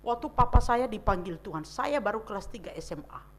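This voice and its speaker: A woman pastor giving a seminar sermon on grief, dramatic, acting out scenes with sudden loud outbursts and soft whispers. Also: medium pitch, animated, brisk, a little hiss or hum.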